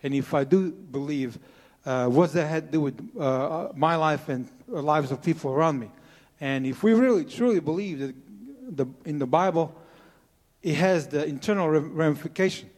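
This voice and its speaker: In a church sanctuary with big-room sound, a Croatian man in his forties gives his testimony in English with a Croatian accent. He's earnest and plain-spoken, with many hesitant "uh" fillers, and his somewhat high, darkish voice moves at normal speed.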